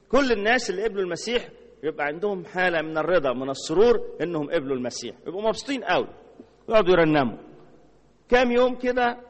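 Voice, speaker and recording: A man's voice: fairly high pitch, fairly bright tone, big-room sound. A man with an Egyptian accent preaching a sermon, repeating phrases and answering his own rhetorical questions. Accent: Egyptian Arabic. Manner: rhetorical questions, heavy repetition.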